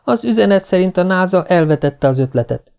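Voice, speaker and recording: A man voicing a female mission commander, firm and deliberate. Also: high-pitched, expressive, vocal fry, a little mellow, smooth, pitched above the performer's own voice. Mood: explaining.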